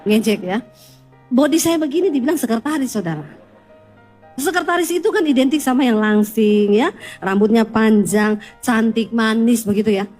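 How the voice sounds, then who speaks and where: A woman pastor preaching a sermon to a congregation in a church. She tells lively stories with teasing humor and keeps calling out to her listeners. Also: on the high side, normal speed, faint music behind.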